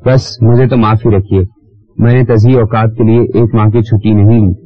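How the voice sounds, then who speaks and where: A man's voice: on the low side, level tone, no room sound, narrow, tinny audio, lightly acted. A man voicing a witty, lazy young male sidekick who grumbles and banters in an audiobook reading, over faint music. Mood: grumbling.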